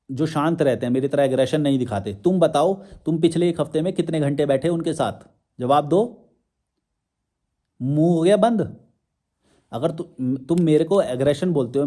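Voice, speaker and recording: A young man talks straight to his viewers in a combative, challenging way, stacking up rhetorical questions. His voice sits a little high but sounds mellow and warm. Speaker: social media commentator. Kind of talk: confrontational monologue to viewers.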